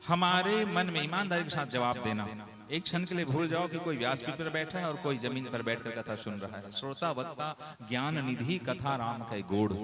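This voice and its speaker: Earnest Chhattisgarhi Hindi preacher, man. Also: mid-range voice. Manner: rhetorical questions to the audience, earnest and emphatic. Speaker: Bhagavat katha preacher. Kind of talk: devotional sermon. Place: live religious gathering in a village.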